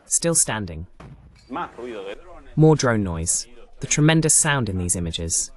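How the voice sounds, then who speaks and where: A man hosting a political commentary broadcast delivers live news commentary at a slow pace, his pitch swinging widely and animatedly from phrase to phrase. As he explains, he slips in pointed, sardonic asides.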